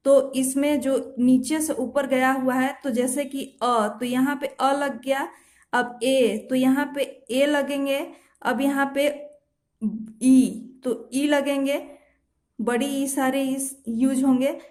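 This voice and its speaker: A woman shorthand teacher talks through each rule slowly and patiently. Her voice sits high, and she repeats example words and corrects herself as she goes. The pace stays unhurried throughout. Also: fairly even intonation, a little mellow. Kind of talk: step-by-step instructional lesson. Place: home.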